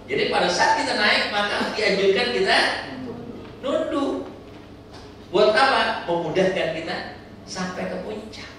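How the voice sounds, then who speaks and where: A man delivers a lively sermon to a pilgrim group and keeps throwing questions at his listeners. His voice is bright and a little high. He is recorded from some distance in a hall with heavy echo, with faint background ambience. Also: unhurried, pauses often, a little hiss or hum. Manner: lively preaching with rhetorical questions. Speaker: umrah pilgrimage instructor.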